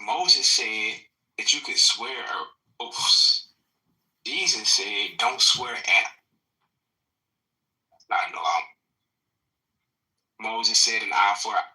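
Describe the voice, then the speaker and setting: A man arguing his points slowly and emphatically in an online Bible discussion, his call audio glitching and cutting out. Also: lowish voice, bright, forceful tone, echoey room, low-quality recording. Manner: slow, emphatic, argues point by point. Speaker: Bible study debater. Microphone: headphones on an online call.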